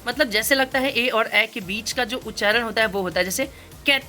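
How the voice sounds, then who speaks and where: A woman's voice: fairly high pitch, brisk, bright, forceful tone, faint music behind. A woman teaching English phonics, explaining patiently and repeating each sound several times. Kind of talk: spoken phonics lesson.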